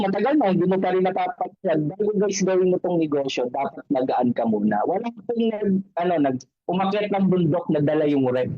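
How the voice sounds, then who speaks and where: A man giving a motivational seminar talk, animated, keeps checking in with the audience with questions. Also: high-pitched, dry recording, dull audio. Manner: keeps asking the audience "di ba?" and "tama ba?"; animated, acts out quoted voices. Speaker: seminar speaker on network marketing.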